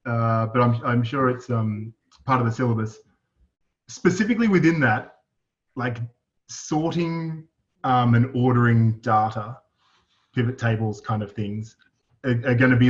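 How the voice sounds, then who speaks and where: A man's voice: mid-range voice, lo-fi sound. A man speaking as an industry panelist, hesitant and self-deprecating, with many restarts. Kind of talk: panel discussion.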